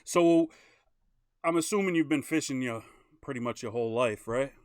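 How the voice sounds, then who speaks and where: A man's voice: medium pitch, moderate pace, clear, resonant tone, dry recording, studio quality. A man hosting a casual live-stream fishing interview, upbeat and chatty, with sponsor plugs and easy questions. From Maine. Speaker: host.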